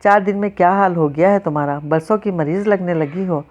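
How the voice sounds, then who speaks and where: A woman voicing a young man, a gentle and protective older cousin, calm and soothing in an audiobook reading. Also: lowish voice, close to an everyday voice.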